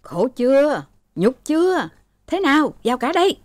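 Woman voicing a sick, shrill old father. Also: lively intonation, moderate pace, mellow, dry recording, close to an everyday voice. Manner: shrill, scolding, pleading. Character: sick, bedridden older father, querulous and despairing.

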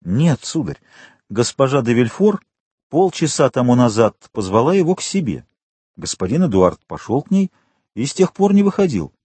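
A man voicing a calm, respectful male valet speaking politely. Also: mid-range voice, moderate pace, breathy edge, no room sound. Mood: deferential.

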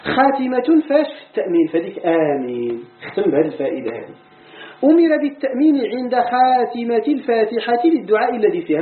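A man's voice: very high-pitched, echoey room, narrow, tinny audio. A man with a Moroccan Arabic accent who teaches Quran commentary, explaining a text and asking questions he answers himself. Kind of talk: religious lesson explaining a text.

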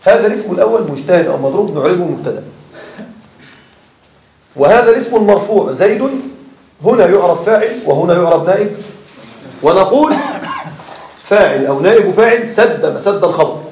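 A male teacher speaks quickly in a high voice as he gives a classroom lecture. He keeps asking his students whether they follow him. The room around him is echoey. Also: expressive, a little mellow.

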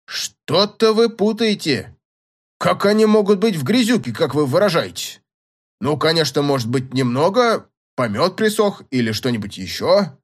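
A man's voice: a little high, animated, normal speed. A man reading a story aloud and voicing an irritable, scornful old professor.

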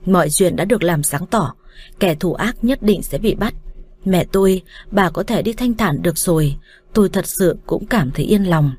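Woman, audiobook narrator, first-person story reading, low voice, mellow tone, calm measured delivery. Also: slightly rough.

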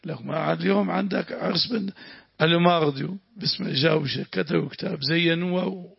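Man, sheikh, Damascene accent, gravelly raspy voice, storytelling lesson, dull lo-fi dry recording. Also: fairly high pitch, quick pace, no echo. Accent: Damascene Arabic. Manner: storytelling, exclaiming pious phrases. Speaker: sheikh teaching Quran commentary. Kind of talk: lesson with anecdotes.

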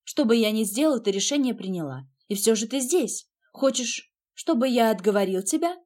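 A woman voicing a cold, curt wealthy husband in an audiobook, with a flat, clipped delivery. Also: a little high, a little fast.

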